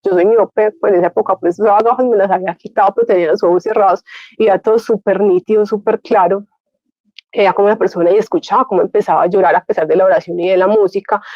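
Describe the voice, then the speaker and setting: A woman giving a personal faith testimony, telling it as a lively story and acting out what she and others said. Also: medium pitch, no echo. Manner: animated storytelling, acts out her own past words. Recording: dry, dull lo-fi sound.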